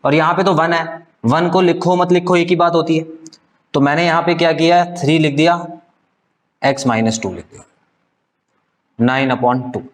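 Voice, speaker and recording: A man's voice: fairly high pitch, normal speed, long pauses. Male tutor, slightly raised voice, patient stepwise live-class explaining. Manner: explains step by step, often checks with "clear?". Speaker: teacher. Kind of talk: live online math class.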